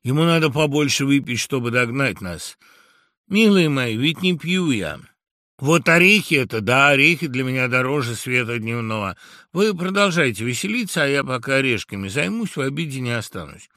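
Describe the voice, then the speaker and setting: A man voicing a small, hungry male mouse in a storybook, squeaking politely. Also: very animated, normal speed, sharp tone, no echo, studio quality.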